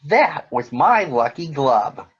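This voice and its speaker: A man voicing a big, friendly, childlike young bird who is excitable and easily upset, in a children's storybook reading. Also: fairly high pitch, takes it slowly, husky, lo-fi sound, voice pushed up, full character voice. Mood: dismayed. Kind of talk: children's storybook read-aloud.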